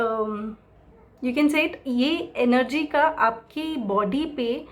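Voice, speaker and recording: Slow high-voiced woman teaching. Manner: slow, explanatory, fond of repeating herself. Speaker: chanting teacher. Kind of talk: spoken instruction mixing Hindi and English.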